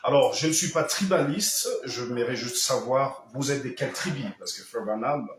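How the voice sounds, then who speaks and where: A man's voice: medium pitch, normal speed, echoey room. A man hosting a studio interview, probing his guest and repeating answers back. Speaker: show host.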